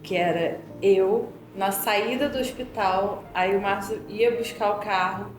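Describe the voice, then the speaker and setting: A woman with a Brazilian accent, chatting casually and telling lively, emotional stories. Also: mid-range voice, measured pace. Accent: Brazilian Portuguese. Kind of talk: casual chat. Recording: roomy sound with music behind.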